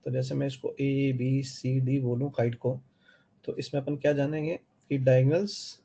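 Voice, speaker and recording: A man's voice: medium pitch, steady tone, moderate pace, gravelly, mellow. A man with an Indian accent teaching geometry in an online class, explaining step by step and checking in with his students. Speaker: math teacher. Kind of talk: online live class lecture.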